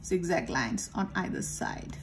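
Slow patient woman art teacher. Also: fairly low pitch, expressive, noisy background. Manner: patient, talks through each step as she draws. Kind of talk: step-by-step drawing lesson. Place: indoors at a desk. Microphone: overhead camera filming the tabletop.

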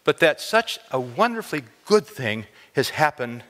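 An animated man in his sixties delivers a storytelling chapel sermon, his bright voice rising and falling over a wide range. He stammers into quick repeats as he gets excited. A long hall reverb trails behind him on a large stage. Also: on the high side. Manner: animated, gesturing, repeats words when excited. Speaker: chapel speaker. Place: large dark auditorium stage.

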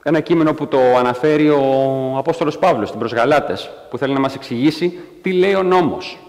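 A man preaching a sermon in a church, animated and acting out quotes in a raised voice. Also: fairly high pitch, in a large hall. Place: church hall.

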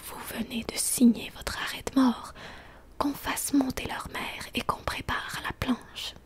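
A woman's voice: high voice, fairly even intonation, a little slow, slightly rough, full character voice. A woman voicing a menacing male pirate captain in a whispered role-play, with snarling, syrupy threats.

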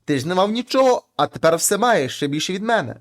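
A man's voice: high-pitched, sing-song, fast. A man voicing a greedy, rash rich brother in a folk tale, in plain storytelling speech. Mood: demanding.

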